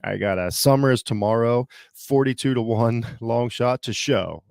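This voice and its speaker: A man from Southeastern Ohio with a slight Southern accent, hosting a casual solo sports podcast, talking haltingly with many fillers and restarts. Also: medium pitch, vocal fry, darkish tone, dry recording, clean studio sound. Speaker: podcast host.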